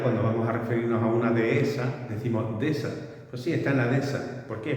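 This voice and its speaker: A man teaching a spelling lesson, explaining patiently and often checking that his listeners follow. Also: medium pitch. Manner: explanatory, frequent checking tags, lively emphasis. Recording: echoey room from far off, faint noise.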